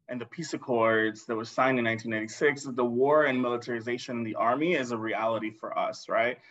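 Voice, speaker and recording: A man in his thirties from Guatemala speaks earnestly on a video call panel, often repeating words as he looks for the right ones. His voice sits at a middle pitch. The call audio is dull and muffled. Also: fairly bright tone. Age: 30s. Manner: earnest, repeats words while searching for them. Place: indoors, room with framed pictures.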